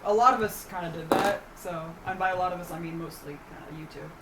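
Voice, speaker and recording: A woman's voice: on the low side, fast. A woman chatting casually with friends as a player at a tabletop game. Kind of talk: casual group chat. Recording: loud noise, echoey, far from mic.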